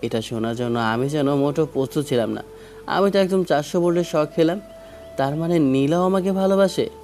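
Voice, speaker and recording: A man's voice: a little high, fairly quick, a little mellow, faint music behind. A young man narrating a romantic audio story in the first person, with dramatic emotion.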